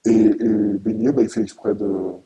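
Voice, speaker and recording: A middle-aged French man, a farmer giving halting interview testimony, his voice disguised by deep pitch-shifting. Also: fairly even intonation, warm tone, rough recording. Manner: halting, with repeated words and long hesitations.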